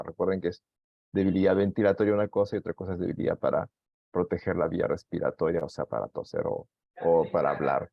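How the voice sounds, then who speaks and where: A pulmonologist with a Peruvian accent patiently answering caregivers' questions, with many fillers. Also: male voice, deep voice, creaky, no echo. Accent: Peruvian Spanish. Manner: explanatory, patient, filler-heavy. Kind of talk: medical Q&A talk. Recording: dull lo-fi dry sound.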